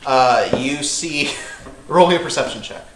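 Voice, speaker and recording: A man's voice: medium pitch, unhurried, roomy sound, noisy background. A man running a tabletop game as dungeon master, narrating scenes and often breaking into laughter.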